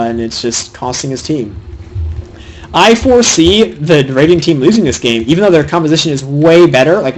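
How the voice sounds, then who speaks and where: A young man giving fast, opinionated solo commentary on a video game match, critiquing the players' item choices. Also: mid-range voice, slight background noise, poor audio. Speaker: game caster.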